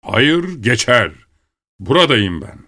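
A man's voice: mid-range voice, sing-song, slow, pushed and bright, voice pushed up, full character voice. A man voicing a pompous, stubborn old general in a spoken story, with stiff, proud declarations. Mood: indignant.

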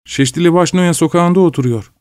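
A man's voice: on the high side, brisk, a little mellow, smooth, dry recording, pitched above the performer's own voice, close to an everyday voice. A man reading aloud and voicing a drunk, insolent male servant who repeats himself stubbornly; dry, close recording. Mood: obtuse.

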